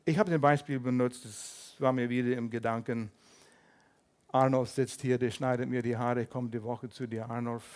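An older man preaching a sermon as pastor, lively and humorous, with small slips in his German. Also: medium pitch, moderate pace.

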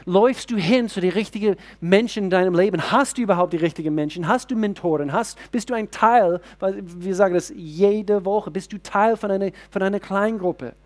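Middle-aged man as pastor; sermon delivery, fairly high voice, many halting restarts. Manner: searching restarts, rhetorical questions to the congregation.

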